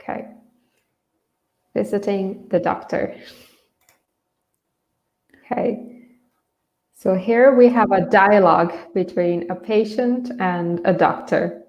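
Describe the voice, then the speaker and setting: Speaking slowly and pausing often, a Bangladeshi woman from Dhaka teaches English online, her explanations informal and a bit unsure. Her mid-range voice has a darkish tone. The sound is roomy and echoey, with the highs missing.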